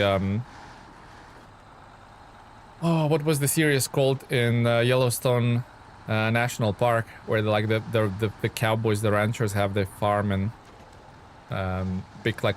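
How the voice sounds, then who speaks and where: On a live game stream, a man from Lithuania keeps things casual, reading viewer comments aloud and responding with lots of filler words. His voice is lowish, and the audio carries a little hiss or hum.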